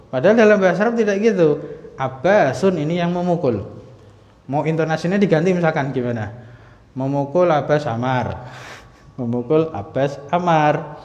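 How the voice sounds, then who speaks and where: A man leads an Arabic lesson in a mosque. He explains each point step by step and keeps asking his students questions. His voice sits a little high, heard with long reverb through a dull, lo-fi recording. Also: darkish tone. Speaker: Arabic teacher. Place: mosque hall. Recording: echoey hall, dull lo-fi sound.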